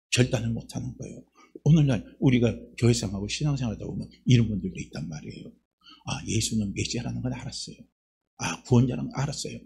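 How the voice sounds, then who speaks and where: A man, the church's pastor, preaching a lively sermon and putting rhetorical questions straight to his congregation. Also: a little high, slightly rough. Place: church sanctuary.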